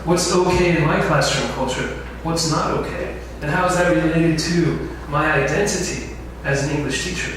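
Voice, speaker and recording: Here the man's voice is a little high and fairly bright, moving at a moderate pace with hardly any pauses. As an instructor leading an info session lecture, he keeps asking the class questions, captured on a distant mic in a very echoey hall with faint noise.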